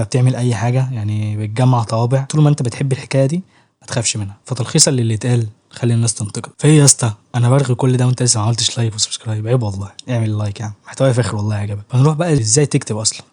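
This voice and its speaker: A man's voice: mid-range voice, racing, a little mellow. A young man with an Egyptian Arabic accent, chatting casually to camera about writing, joking in street slang and laughing often. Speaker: YouTuber giving writing advice.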